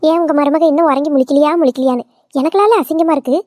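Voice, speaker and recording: A woman's voice: high voice, fast, mellow, no echo, close to an everyday voice. A woman playing a nagging old village mother-in-law. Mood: scolding. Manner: nagging, scolding. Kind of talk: cartoon voice acting.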